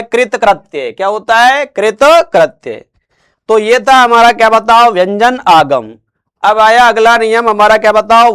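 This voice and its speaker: A Hindi grammar teacher with a Rajasthani accent and a very high voice. He runs a spelling drill, asking the class questions and then drawing out each answer slowly. His voice is smooth and clear. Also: fairly bright tone. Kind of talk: spelling lesson.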